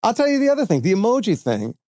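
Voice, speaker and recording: A man's voice: high-pitched, wildly swooping pitch, racing, a crowd in the background. A man co-hosting a podcast, wisecracking and firing off incredulous questions in casual chat. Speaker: podcast co-host.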